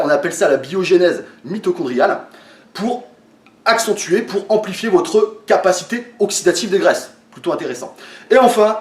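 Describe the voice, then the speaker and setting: A man explaining a training method to his viewers in a casual way, with lots of fillers and restarts, a little tired. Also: fairly high pitch. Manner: hesitant, many fillers and restarts, addresses viewers as friends. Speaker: fitness coach. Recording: echoey room, from a distance.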